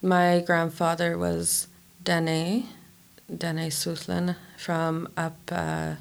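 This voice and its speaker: A woman who works as a community programmer, speaking slowly and deliberately with pauses in a podcast interview. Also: on the low side, monotone, vocal fry. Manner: slow, deliberate speech with pauses. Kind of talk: slow, measured podcast interview.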